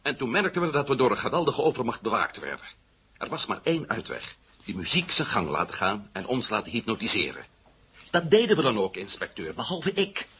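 A man's voice: mid-range voice, huge pitch swings, brisk, slightly rough, full character voice. A man voicing a defiant, sarcastic adventurer held for questioning. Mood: recounting. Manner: sarcastic, defiant, sharp swings in loudness. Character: defiant male adventurer under arrest, sarcastic.

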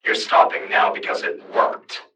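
A man's voice: moderate pace, pushed and bright, recorded from a distance. A man voicing a stern, commanding male leader speaking over a radio, clipped and terse.

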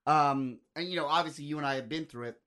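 Joking male podcast host, higher voice. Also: bright, forceful tone. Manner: joking, quick to riff and exaggerate. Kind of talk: casual conversation.

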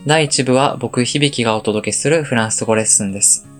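A man who teaches French, giving a calm, explanatory podcast lesson and spelling words out slowly. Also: mid-range voice, faint music behind.

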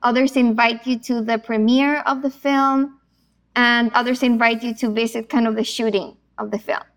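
A woman from Chile talks through her film project as an interview guest. Her voice is smooth and resonant, sitting a little higher than most women's. She explains patiently, dotting her sentences with "you know" and "um.". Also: little pitch movement, normal speed. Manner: fluent and explanatory, with frequent fillers. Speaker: author and executive producer. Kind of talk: interview answer.

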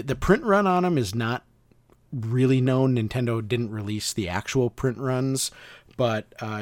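A man's voice: fairly low pitch, no echo. Man, podcast co-host, casual chat, rambling, self-correcting, dry close sound.

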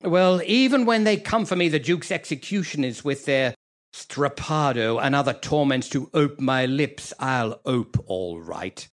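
An actor playing the scheming, bawdy villain Iago in a theatrical monologue, sneering and leering, dropping to muttered asides and rising to loud rants. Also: male voice, medium pitch, expressive, measured pace, close to an everyday voice. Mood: defiant, ranting. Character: scheming bawdy male villain Iago, self-pitying braggart.

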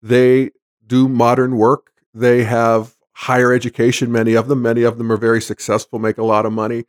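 A man's voice: medium pitch, monotone, brisk. A man giving unscripted political commentary in a conversational, wry way, chuckling now and then. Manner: conversational, wry, chuckles at his own points.

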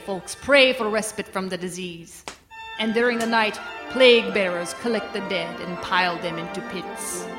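A woman's voice: medium pitch, natural voice. A woman playing a macabre horror hostess, narrating a scripted audio comedy in an arch, theatrical way. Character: macabre horror hostess addressing her little fright junkies. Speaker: host and narrator.

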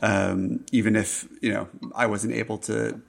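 Gravelly low-voiced man musing on film. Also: flat delivery, unhurried. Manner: thoughtful, hesitant, many fillers. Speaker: film critic podcast co-host. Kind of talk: casual film discussion.

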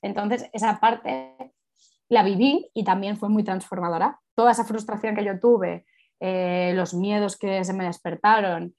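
Woman, sexologist, casual interview, reflective, candid, rambling asides, medium pitch. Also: fairly even intonation, a little slow, a little mellow. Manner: reflective, candid, flowing with many "o sea" asides.

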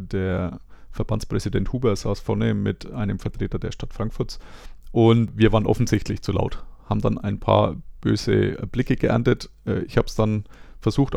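A low, heavily gravelly male host recapping a day with dry humour, chatty and relaxed. His voice is close and dry, with no room sound at all. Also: dry recording. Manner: wry, conversational storytelling. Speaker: podcast host. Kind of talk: recap narration.

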